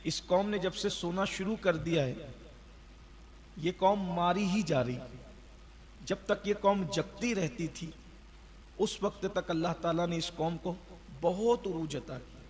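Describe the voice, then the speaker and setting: A man delivers a sermon, his voice pitched high. He exhorts his listeners and asks rhetorical questions. The sound rings with long reverb, as in a large hall. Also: darkish tone. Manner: exhorting, rhetorical questions, chants the creed slowly. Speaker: preacher. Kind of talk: Ramadan sermon.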